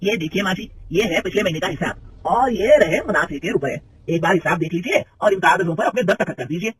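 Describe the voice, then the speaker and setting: A man voicing a smooth-talking, dishonest factory manager in a cartoon story, fawning and overly respectful. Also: high voice, animated, brisk, a bit bright, slight background noise.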